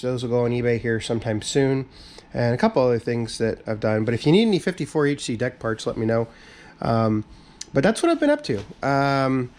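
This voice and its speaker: In a parts-filled workshop, a man hosts a laid-back update video for his channel. He rambles with frequent fillers and false starts, and a cold has left his medium-pitched voice a little hoarse.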